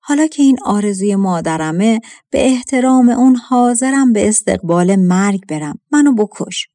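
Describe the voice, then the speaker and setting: A woman's voice: medium pitch, expressive, mellow, no echo, studio quality, lightly acted. A woman voicing an innocent, beautiful young girl, bewildered and tearful, in a storybook tale.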